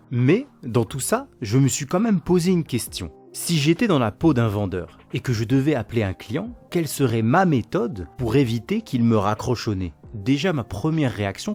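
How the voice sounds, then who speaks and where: A man's voice: mid-range voice, dark tone. A man hosting and narrating a scripted explainer in a conversational, advising way. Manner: conversational and advising, with varied intonation. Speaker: host.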